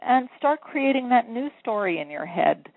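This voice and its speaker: A woman who coaches sales and writes books offers earnest, encouraging step-by-step advice during a phone interview. Her voice is a little high with big pitch swings and a moderate pace, and the dry recording has the tinny sound of a telephone line.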